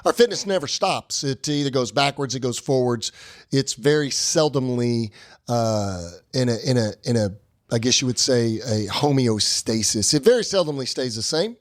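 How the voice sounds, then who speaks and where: A man's voice: mid-range voice, expressive, moderate pace. A man in his forties co-hosting a fitness podcast as a coach, chatting casually in a rambling, upbeat way and laughing often mid-sentence.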